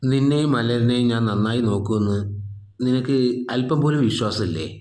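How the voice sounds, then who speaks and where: A man's voice: mid-range voice, animated, fairly quick, a little mellow, roomy sound, close to an everyday voice. A man voicing a young male boss who earnestly presses a woman about her feelings.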